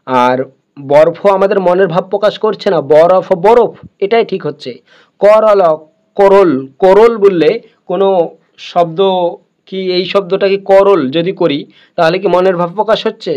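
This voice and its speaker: High-voiced man teaching slowly, repeating words. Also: a little mellow, highs cut off. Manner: slow, repeats words over and over. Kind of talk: Bengali reading lesson.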